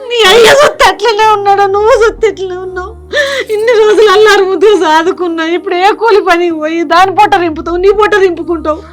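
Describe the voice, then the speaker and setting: A woman's voice: sits high, steady tone, moderate pace, natural voice. A woman playing a grieving village mother who pleads and weeps over her married son. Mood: tearful pleading. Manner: sobbing, pleading, lamenting. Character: grieving village mother, middle-aged, tender and tearful. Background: music.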